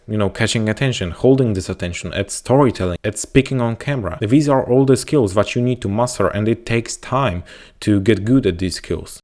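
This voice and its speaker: Talking straight to the camera indoors, a YouTube growth coach from Poland gives advice in accented, second-language English. His voice is on the low side and a little mellow, and he sounds earnest, motivational and repetitive.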